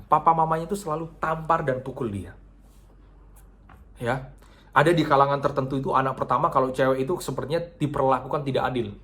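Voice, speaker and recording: A male pastor preaching a sermon, telling a story with big dramatic swings in pitch and loudness.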